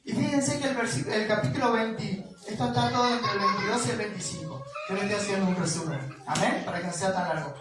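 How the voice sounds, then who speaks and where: A woman's voice: medium pitch, fast talker, few pauses, over loud music. A woman with an Argentine accent preaching a sermon, retelling a scripture story in a casual way with chuckles and asides. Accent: Argentine Spanish. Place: church hall. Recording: echoey church hall, distant mic, congregation. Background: congregation answering amen.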